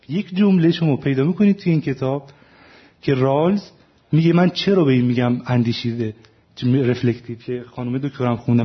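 Husky man explaining at length. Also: mid-range voice, dull audio. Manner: explanatory, frequent self-corrections and fillers. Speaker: translator. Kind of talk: academic panel discussion.

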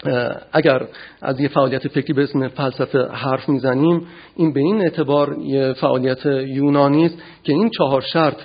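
Hesitant male philosophy lecturer, husky. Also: medium pitch, fairly even intonation, muffled recording. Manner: measured, frequent hesitations.

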